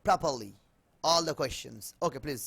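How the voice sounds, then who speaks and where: Crowd noise surrounds this expressive, mid-range male voice with some vocal fry. He has a Bengali accent and runs a spoken English class online by video call, switching between Bengali and English and saying words slowly and repeatedly for his learners.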